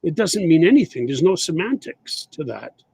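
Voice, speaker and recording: A man with a Canadian English accent teaching an English lesson, slowly and deliberately, repeating his example phrases. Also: a little high, very animated, creaky, a little mellow, slightly rough, no room sound. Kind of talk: explaining English usage in an online lesson.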